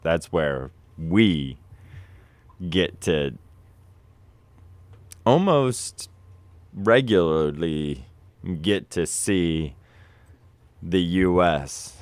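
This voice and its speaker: A man with a very low, unhurried voice hosts a casual sports chat. His delivery is relaxed and rambling, and his sound is clean and resonant in a dry, close space. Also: no echo. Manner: relaxed, rambling, trails off and restarts. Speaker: show host.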